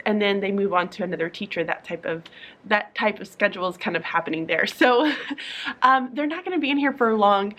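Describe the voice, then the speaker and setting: A young teacher films a vlog in her classroom, speaking sleepily and informally with many fillers and restarts. Her voice is mid-pitched and a touch bright.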